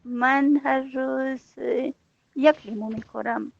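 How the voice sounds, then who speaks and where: Hesitant female student, soft and somewhat high, lo-fi. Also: fairly even intonation, gravelly. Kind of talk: classroom practice dialogue.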